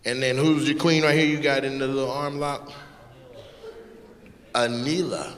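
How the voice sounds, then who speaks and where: A man doing live stand-up crowd work, brash and teasing, recorded in a large venue. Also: mid-range voice. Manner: brash, teasing, quick-witted. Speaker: stand-up comedian. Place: large comedy venue, on stage. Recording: live venue with long reverb and loud background.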